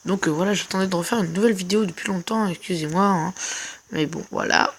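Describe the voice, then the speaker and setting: A woman's voice: lowish voice, quick pace, a little hiss or hum. A woman hosting a gaming video in casual commentary, chatty and rambling, often repeating herself. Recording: music playing behind the voice.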